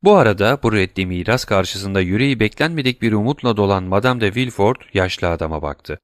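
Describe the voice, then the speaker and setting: A man's voice: fairly low pitch, lively intonation, brisk, dry recording. Man narrating a story, dry close sound. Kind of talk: scripted narration.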